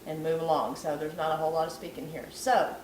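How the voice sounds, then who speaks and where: This woman's voice is deep and darkish, fast, with fairly even intonation. She's a vlogger losing her voice while giving a self-deprecating, chatty cooking tutorial at home. It's night in her kitchen, which sounds echoey, and she's far from the camera amid background noise.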